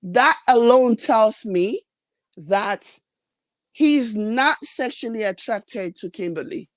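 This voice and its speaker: A woman's voice: fairly high pitch, animated, slow pace, no echo. A woman ranting bluntly in a vlog, scolding her viewers with emphatic, exasperated questions. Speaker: reality TV commentator. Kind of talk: opinionated vlog rant.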